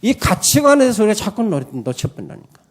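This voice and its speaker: A man's voice: sits high, big pitch swings, a little fast. A man pastor giving a Sunday morning sermon in church, preaching emphatically, calling for amens and telling a story with many fillers. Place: church service.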